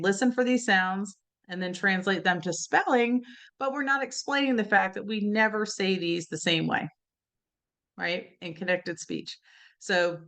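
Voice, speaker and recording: A woman's voice: on the low side, fairly bright tone. A woman presenting an educational webinar, talking conversationally with many "right?" and "you know" asides. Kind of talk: informal teaching talk.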